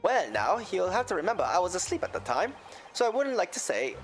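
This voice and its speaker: A man's voice: high-pitched, sing-song, fairly quick, soft background music, voice pushed up. A man voicing a folksy, genial Irish moneylender in a courtroom game, with an Irish accent and a theatrical lilt. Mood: deferential, folksy. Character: folksy, smooth-talking Irish moneylender, genial male witness. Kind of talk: voiced reading of game dialogue.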